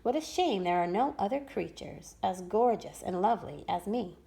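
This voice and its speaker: A woman's voice: mid-range voice, lively intonation, moderate pace, creaky, mellow. A woman voicing a vain female angelfish who admires her own beauty, in a storybook reading. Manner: preening, self-admiring.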